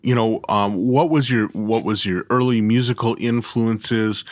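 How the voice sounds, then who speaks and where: A man's voice: on the low side, a little slow, dry recording. A man hosting a podcast interview, asking curious, rambling questions. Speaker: podcast host. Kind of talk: casual interview conversation.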